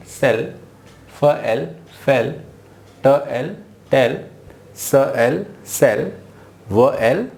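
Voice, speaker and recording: Indian male tutor, unhurried phonics drill, mid-pitched, says each word twice. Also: creaky. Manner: spells sounds out slowly, repeating each word. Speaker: English teacher. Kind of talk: slow phonics lesson.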